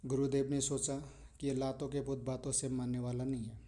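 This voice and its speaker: A man telling a devotional religious story in a colloquial, animated manner, often addressing listeners as brother. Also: mid-range voice, a little fast.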